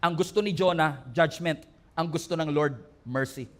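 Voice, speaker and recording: High-pitched guy pastor preaching, gets loud and emphatic then jokey. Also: moderate pace. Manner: preaching in mixed Tagalog and English, rising to emphatic peaks; humorous storytelling with laughs. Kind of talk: sermon.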